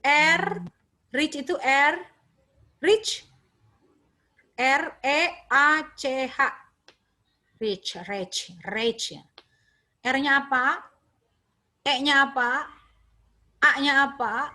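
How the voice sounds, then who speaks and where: High-voiced woman lecturer, Sundanese accent. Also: very slow, pauses often. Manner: lively, quizzes students, mixes Sundanese and English words. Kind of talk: classroom lecture.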